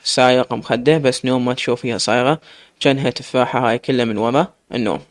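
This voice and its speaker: A man's voice: medium pitch, steady tone, fast, dry recording, studio quality, close to an everyday voice. A man with an Iraqi accent voicing a playful teenage girl who teases her sister. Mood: teasing. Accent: Iraqi Arabic. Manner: teasing, playful.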